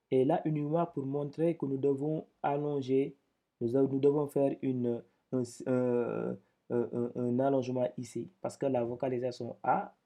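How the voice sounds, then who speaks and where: A man's voice: medium pitch, mellow. A man teaching a step-by-step lesson, explaining patiently with repetitions and speaking up when he drills syllables.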